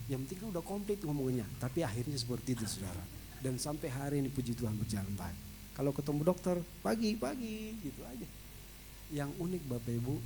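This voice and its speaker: A male pastor, telling a story in a lively, animated sermon in a large church. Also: medium pitch, background noise. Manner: lively, animated storytelling that shouts out quoted voices. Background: worship music.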